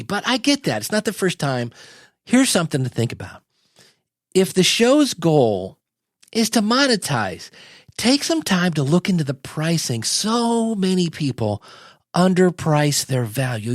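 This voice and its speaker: An easygoing Jesus as a man puts him on chats like a podcast guest in an English accent. He is casual, mildly sardonic and gently exasperated, in a comedy mock interview with a dry, close sound. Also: on the high side, sing-song, measured pace, no echo, pitched above the performer's own voice. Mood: wry, resigned.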